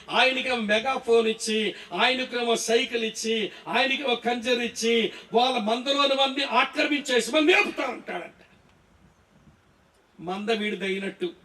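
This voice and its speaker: A man preaches at a conference, his voice very high for a man. He keeps asking the audience questions and checking they understand. The sound is echoey and he stands far from the mic. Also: sharp tone. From Andhra Pradesh, India. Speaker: Bible teacher preaching. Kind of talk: sermon at a pastors' conference. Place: large echoey hall. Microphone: distant from the mic.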